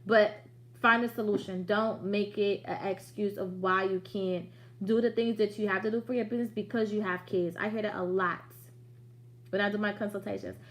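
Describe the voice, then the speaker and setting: Speaking at a normal pace with fairly even intonation, a late-thirties woman runs a business livestream in a mid-range voice. Her talk is casual, frank, and encouraging, peppered with slang.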